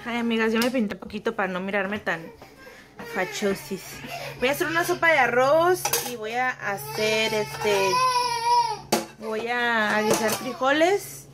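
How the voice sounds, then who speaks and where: A woman's voice: on the high side, measured pace, background noise. A young woman, chatting casually to her viewers in a home kitchen vlog. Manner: chatty, talks to viewers as friends. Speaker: vlogger.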